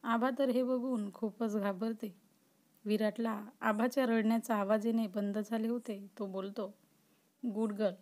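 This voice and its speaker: Woman storyteller reading a dramatic tale, steady, slightly high voice. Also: unhurried. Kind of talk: scripted story narration.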